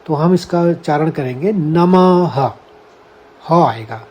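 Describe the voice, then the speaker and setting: A man leads a scripture lesson at a very unhurried pace, sounding out each Sanskrit syllable with care. His voice is warm and mellow and sits a little high for a man. He talks to his listeners as friends and walks them through each verse step by step. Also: expressive. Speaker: Gita teacher. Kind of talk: slow explanatory lesson.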